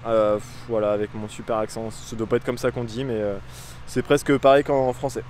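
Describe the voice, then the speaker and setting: A man's voice: medium pitch, flat delivery, brisk, darkish tone, slight background noise. A young man vlogging casually about his bike trip outdoors, rambling and hesitant with many fillers. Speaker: cycling travel vlogger. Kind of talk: casual vlog chat to camera.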